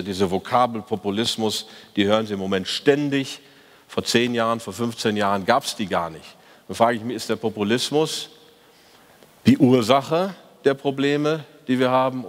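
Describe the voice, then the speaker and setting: Opinionated man speaking in a reverberant hall. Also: on the low side. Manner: opinionated, ironic, frequent fillers. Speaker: fund manager giving a market review. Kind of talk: conference talk. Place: conference hall, on stage.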